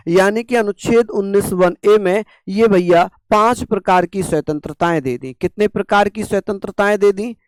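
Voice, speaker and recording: A man teaching a class on constitutional rights, asking rhetorical questions and slowly repeating key terms. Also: high voice, darkish tone, smooth, dry recording, studio quality.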